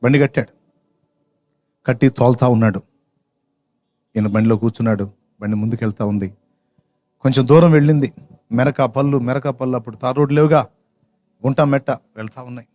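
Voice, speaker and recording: A man's voice: medium pitch, steady tone, brisk, pauses often, dark tone. Earnest male preacher telling a story. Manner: earnest, emotional storytelling that swells with feeling. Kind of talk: storytelling sermon.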